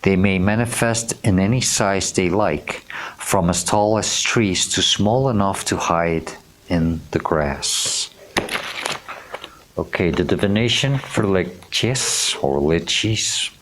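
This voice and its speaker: A man with a very low voice gives a tarot reading to camera. He talks slowly and gently, reading card meanings aloud and tripping over unfamiliar names. He keeps checking in with his listeners. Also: slight background noise. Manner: gentle and earnest, often checking in with "okay?". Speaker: tarot reader.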